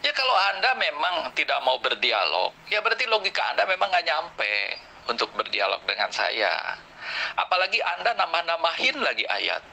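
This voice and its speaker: A man's voice: huge pitch swings, normal speed, gravelly, bright, forceful tone, low-quality recording. A man arguing a religious point in a voice-chat debate, lecturing and challenging his opponent. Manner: lecturing, challenging, rising pitch when pressing a point.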